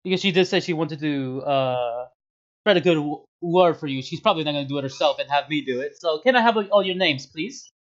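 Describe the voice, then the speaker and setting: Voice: mid-range voice, brisk, close to an everyday voice. A game master voicing a dutiful young woman aide who speaks hesitantly, with fillers. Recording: dull lo-fi sound.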